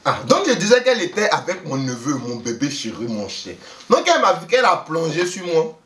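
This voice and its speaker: A man telling a story in a lively, casual way, often laughing and acting out the people he quotes. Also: a little high, a little fast, distant mic, slight background noise. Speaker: vlogger telling a travel story. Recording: roomy echo, voice away from the mic.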